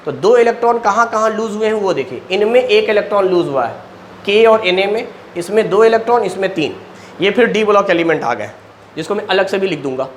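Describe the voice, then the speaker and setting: A coaching teacher with an expressive voice that sits high teaches a chemistry lesson, lecturing at a board in a classroom. Talking a little fast, he explains step by step and answers his own questions, with slight background noise.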